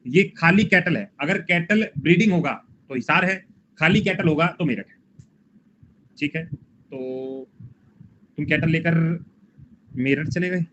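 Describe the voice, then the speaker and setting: A man teaching a live online exam-prep class, drilling quick memory tricks and coaxing his students along. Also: on the high side, a bit bright. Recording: dull lo-fi stream audio with faint noise.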